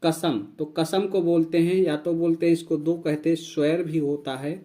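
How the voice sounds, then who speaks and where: Guy teaching english words, kinda high voice, repeats and spells everything. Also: flat delivery, warm tone. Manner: slow, repeats each word and spells it out. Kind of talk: vocabulary lesson.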